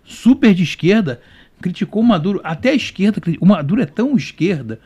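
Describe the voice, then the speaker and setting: A Brazilian man talks quickly in a political debate, his pitch leaping up and down as he presses his points. His voice sits a little high for a man. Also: sing-song, a little mellow, slightly rough, muffled recording. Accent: Brazilian Portuguese. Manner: heated, rapid-fire argument. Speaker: panelist.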